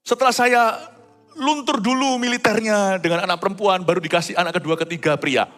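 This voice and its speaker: A middle-aged man preaching a sermon, swinging between loud high exclamations and hushed low asides. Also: fairly quick, in a large hall, soft background music. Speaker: pastor.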